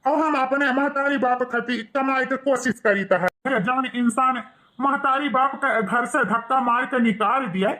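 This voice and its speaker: Pitched high and delivered at normal speed, this pushed, bright voice belongs to a performer playing a bitter, outspoken young villager in a cartoon moral tale. He taunts and reproaches in an Awadhi accent.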